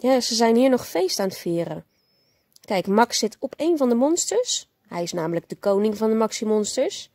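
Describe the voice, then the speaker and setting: A woman teacher reading a bedtime story aloud to a child, gentle and expressive. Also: fairly high pitch, normal speed, no echo, clean studio sound.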